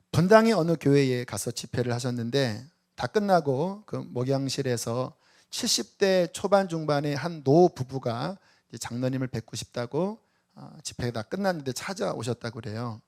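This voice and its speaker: A man's voice: mid-range voice, darkish tone. A man preaching a Sunday sermon as pastor, asking rhetorical questions and telling stories. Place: church sanctuary.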